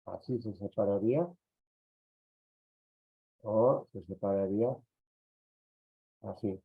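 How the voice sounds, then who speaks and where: A Peruvian man teaching an online class, talking slowly and checking in with short tag questions. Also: on the low side, vocal fry, slightly rough. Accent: Peruvian Spanish. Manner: slow, repetitive, tag questions. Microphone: computer mic on a video call. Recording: dull lo-fi audio.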